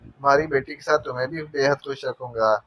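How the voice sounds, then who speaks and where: A man's voice: medium pitch, steady tone, fairly quick, no room sound, close to an everyday voice. A man voicing a male spy who mocks his captive with silly, teasing wordplay, in an audio novel. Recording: dull dry narration recording.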